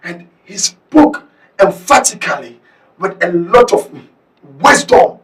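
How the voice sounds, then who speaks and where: A man with a Ghanaian English accent giving heated political commentary, often shouting and slipping between English and Twi. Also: sits high, big pitch swings, slow pace, echoey room, recorded from a distance, low-quality recording.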